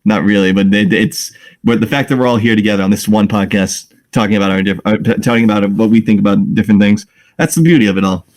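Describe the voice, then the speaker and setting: A man's voice: fairly low pitch, steady tone, quick pace, a little mellow. A man co-hosting a casual gaming podcast, joking and teasing the others. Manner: playful, teasing banter. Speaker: podcast co-host.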